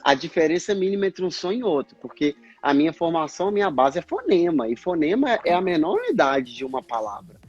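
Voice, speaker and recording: A man's voice: fairly high pitch, sing-song, fairly quick, hardly any pauses, darkish tone, husky, dull audio. A Brazilian man, a speech therapist, explaining in a livestream interview and acting out past conversations, with a Brazilian Portuguese accent. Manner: earnest, explanatory, acts out past dialogues.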